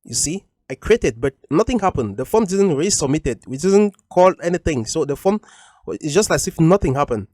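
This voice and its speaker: A man's voice: a little high, animated, moderate pace, darkish tone, no echo, clean studio sound. A man teaching a coding tutorial over a screen recording, explaining patiently and repeating each point with frequent ums.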